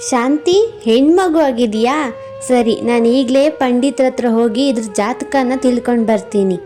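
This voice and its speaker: A woman's voice: fairly high pitch, unhurried, dark tone, soft background music, natural voice. A woman voicing a harsh middle-aged father in a cartoon story, scolding and scornful. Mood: eager.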